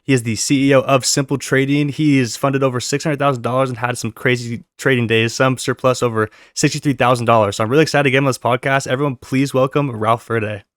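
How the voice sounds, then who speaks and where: A man's voice: medium pitch, fairly even intonation, fast talker, hardly any pauses, no echo, clean studio sound. A man hosting a podcast interview, enthusiastic and casual, with loose filler-heavy phrasing. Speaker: podcast host.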